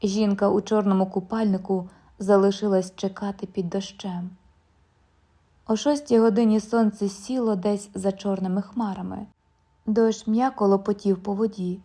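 A woman narrating a literary audiobook in a measured, calm storytelling manner. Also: medium pitch.

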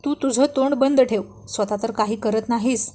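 Woman as a flustered young wife, scolding, panicky, pleading, slightly high voice. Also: normal speed, mellow, close to an everyday voice.

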